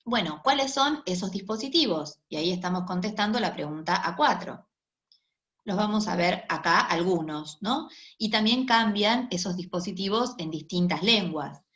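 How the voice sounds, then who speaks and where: A woman's voice: medium pitch, fairly bright tone. Woman lecturing in an echoey room. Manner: explanatory, checks in with rhetorical "¿sí?". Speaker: university lecturer. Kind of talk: recorded online lecture. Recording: echoey room, dull lo-fi sound.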